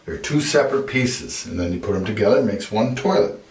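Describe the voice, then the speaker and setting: An older man, a master plumber, explaining toilet parts in a casual how-to, plain-spoken with frequent pauses and fillers. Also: fairly low pitch, animated, darkish tone. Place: home bathroom.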